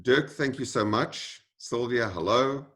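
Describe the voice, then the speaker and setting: A man giving interview answers in a measured, solemn way. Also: mid-range voice, a bit bright. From United States. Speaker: interview guest.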